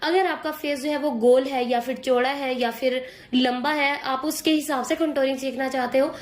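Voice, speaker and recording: A hoarse woman with a high voice walks through a makeup tutorial step by step, patient and steady at a normal pace. She pushes her voice and often checks in with her viewers, recorded in an echoey room.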